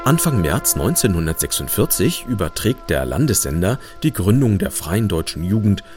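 A man's voice: low-pitched, very animated, moderate pace, music in the background. A man reading scripted documentary narration as the narrator of a radio feature.

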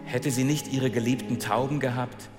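A man telling a fairy tale live to an audience, animated and asking them questions. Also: medium pitch, moderate pace. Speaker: storyteller. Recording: long hall reverb, faint music.

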